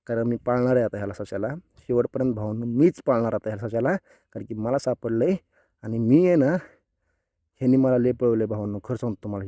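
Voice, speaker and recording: A young man, vlogging casually outdoors on a farm, talking excitedly to his viewers as brothers. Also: medium pitch, no echo.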